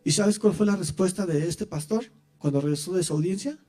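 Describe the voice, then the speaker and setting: A man giving his testimony in church, telling his story in an animated way and speaking straight to the listeners. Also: high-pitched, a little fast, soft background music. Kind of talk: preaching testimony.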